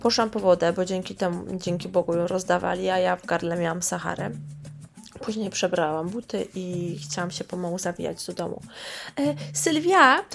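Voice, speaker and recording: A woman's voice: lowish voice, level tone, fairly quick, creaky, music in the background. A woman reading her own memoir aloud in a chatty way, with sarcastic asides. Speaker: storyteller.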